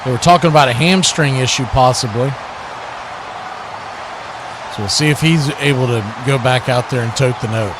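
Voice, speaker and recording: A medium-pitched American man handles play-by-play for an online watch party stream, calling each football action in short clipped bursts. He keeps a moderate pace but pauses often, over clear background noise.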